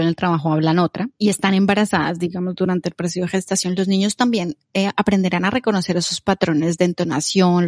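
A woman's voice: lowish voice, a little mellow, dry recording. Dry-sounding woman host. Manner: curious, thinking aloud. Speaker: podcast host. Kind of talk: conversational interview.

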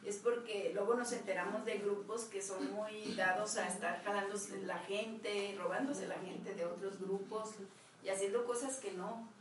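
A woman's voice: medium pitch, steady tone, a little slow, crowd noise. A woman in a group discussion, firmly adding her own points. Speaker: group member. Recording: echoey room, far from the mic.

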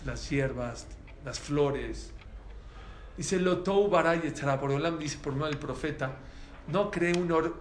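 A man with a Mexican accent giving a religious talk to an audience, telling stories in an animated way and acting out the dialogue. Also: medium pitch, slight background noise. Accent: Mexican Spanish. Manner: animated storyteller who acts out dialogue. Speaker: religious lecturer. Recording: echoey room with faint ambience.

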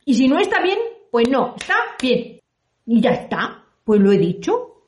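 A high-pitched woman telling a children's tale in a lively, playful manner, jumping into her characters as she goes. Her voice rings in an echoey room. She calls herself a reporter and storyteller. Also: a little slow.

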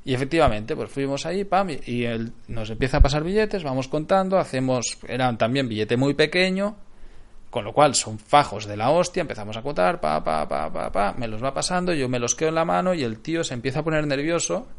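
A young man from Barcelona, telling a story casually, animated and swearing freely. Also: mid-range voice, a little fast. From Barcelona, Spain.

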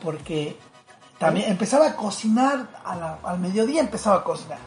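A man in a casual chat, talkative and laughing often, speeding up in quick bursts. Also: sits high, lively intonation, soft background music.

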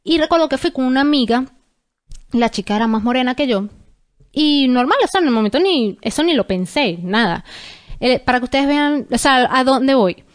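A young adult woman co-hosting a casual podcast, explaining things in an earnest, steady way. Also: sits high, normal speed. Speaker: podcast co-host.

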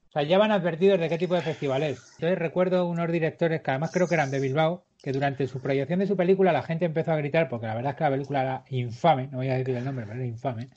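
A man, co-hosting a casual chat and telling anecdotes in a jokey, storytelling way, slowing down for effect. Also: fairly high pitch, darkish tone. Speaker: podcast co-host. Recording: dull lo-fi recording.

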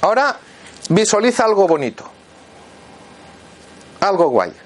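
A man walks a volunteer through a demonstration in front of an audience. His voice sits high and swings up and down. He keeps checking in with short questions as he gives each instruction. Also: sing-song, unhurried. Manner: instructive, checks in constantly with "vale". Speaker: therapist leading a live demonstration.

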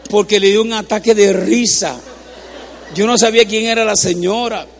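A man's voice: high voice, steady tone, normal speed, a loud crowd, very noisy. A man preaching a humorous sermon in a church, joking with the congregation and having them repeat words after him.

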